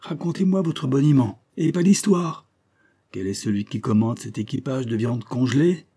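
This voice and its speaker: A man voicing a gruff, bold old sea captain who barks orders in rough sailor slang. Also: medium pitch, lively intonation, moderate pace, dark tone, pitched above the performer's own voice. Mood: gruff, bossy.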